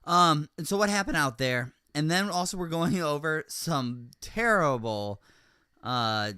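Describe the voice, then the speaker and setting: Bright-voiced chatty man hosting. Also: fairly high pitch, lively intonation, a little slow, clear, resonant tone, dry recording, studio quality. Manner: chatty, laughs often, with many fillers. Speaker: host. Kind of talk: casual chat. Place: room at home with window open.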